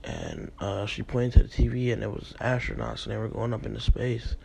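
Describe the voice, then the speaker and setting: A man's voice: on the low side, wildly swooping pitch, fairly quick, creaky, a little mellow, slightly rough. A young man who is a little sick, hosting a podcast and recounting a dream in a rambling, profane, filler-heavy way. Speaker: podcast host. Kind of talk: casual dream recounting monologue.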